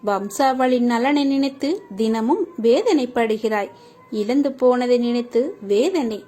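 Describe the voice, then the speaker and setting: A woman reading scripted devotional messages in a steady, reassuring voice, speaking directly to the listener. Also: a little high, slow pace, faint music behind. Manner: steady, reassuring second-person address.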